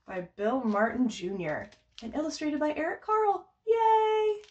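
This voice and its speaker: A children's librarian with a high, very animated, slightly mellow voice leads a baby storytime, reading a picture book in an unhurried sing-song. She speaks simply and encouragingly to the little ones and their parents, exclaiming often. The recording is muffled.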